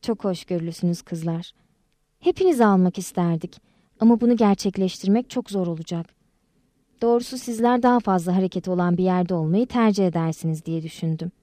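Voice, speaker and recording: A woman reading the lines of a kind, gentle adult man in an audiobook, with a soft, reassuring way of talking. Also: fairly low pitch, brisk, no room sound, studio quality, lightly acted.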